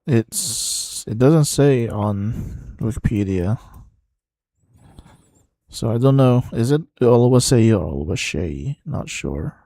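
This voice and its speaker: Slow-talking man watching a match. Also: mid-range voice, lively intonation, vocal fry, mellow, no echo, clean studio sound. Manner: halting, restarts words, thinks aloud. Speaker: watchalong streamer. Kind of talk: casual live match commentary.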